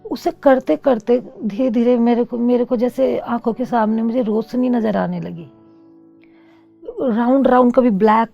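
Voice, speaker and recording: A woman's voice: mid-range voice, creaky, warm tone, lo-fi sound. A middle-aged woman telling her own story as an interview guest, earnest and reflective. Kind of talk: personal testimony.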